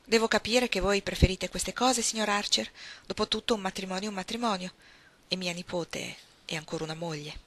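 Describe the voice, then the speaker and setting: A woman's voice: mid-range voice, brisk, a bit bright, natural voice. A woman reading the part of a theatrical, effusive older aristocratic aunt in an audiobook, with grand dramatic emphasis. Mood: knowing.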